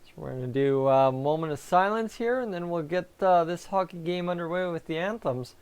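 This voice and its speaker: A man's voice: on the high side, a little fast, a little mellow, smooth. A man hosting a live hockey fan reaction stream, chatting casually and answering viewers while talking with a sore, raw tongue. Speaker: fan livestream host.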